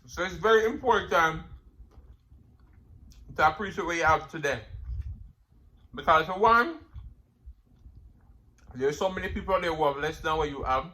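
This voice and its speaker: A man's voice: fairly high pitch, animated, normal speed, pauses often, bright, forceful tone, low-quality recording. A man with a Jamaican accent giving emphatic, casual motivational talk to viewers, repeating phrases and murmuring as he eats crunchy fried chicken. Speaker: mukbang vlogger.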